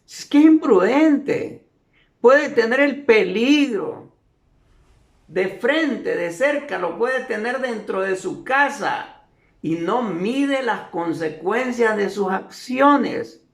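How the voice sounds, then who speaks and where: Gravelly, high-pitched Honduran lecturer. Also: male voice, lively intonation, takes it slowly. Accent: Honduran Spanish. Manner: preachy, emphatic repetition. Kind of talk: moral lecture.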